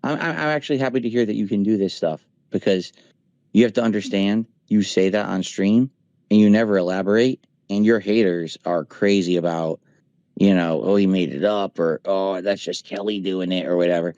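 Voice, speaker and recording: A man's voice: low-pitched, steady tone, moderate pace, darkish tone, no echo, muffled recording. A man in his forties in a casual voice chat, talking emphatically and venting with profanity. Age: 40s. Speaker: streamer. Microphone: voice chat mic.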